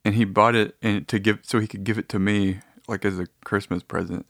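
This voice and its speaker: A man's voice: fairly low pitch, steady tone, fairly quick, a bit bright, dry recording, studio quality. A man talking to his audience in a casual, meandering, easygoing monologue.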